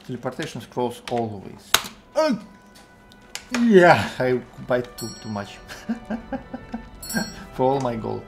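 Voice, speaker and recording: A man in his twenties with a Russian accent, thinking aloud in halting fragments as he gives casual live game commentary. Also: mid-range voice, gravelly, darkish tone. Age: 20s. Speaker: game streamer. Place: indoor room at a computer. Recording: music behind the voice. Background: music, keyboard typing.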